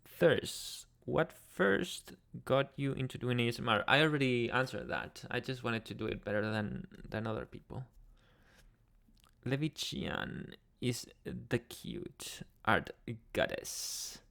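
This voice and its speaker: A man's voice: medium pitch, big pitch swings, slow, vocal fry, fairly bright tone. A man hosting a casual livestream, reading chat messages aloud and answering them in a chatty, rambling way with frequent laughs. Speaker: ASMR livestream host.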